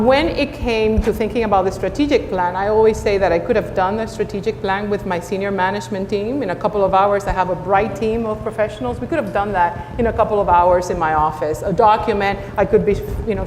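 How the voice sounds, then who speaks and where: A school superintendent, a woman who is a native Spanish speaker with a Spanish accent, speaks earnestly during a panel discussion in a conference hall, restarting often with fillers. Her medium-pitched voice has a darkish tone, and she talks briskly with hardly any pauses. The hall is echoey, with faint noise.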